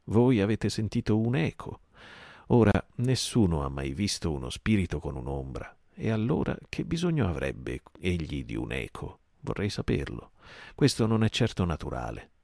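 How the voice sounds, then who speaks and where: A man voicing a gruff, defiant one-legged pirate captain in a storybook reading, blustering and rallying his crew. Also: sits low, sing-song, normal speed, darkish tone, no echo, studio quality, exaggerated voice.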